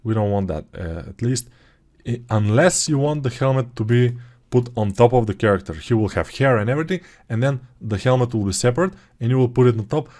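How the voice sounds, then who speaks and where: A Bulgarian-accented man whose English is a second language moves briskly through a 3D modeling software tutorial. His medium-pitched, darkish voice has lively intonation, and he chats, digresses, and often corrects himself.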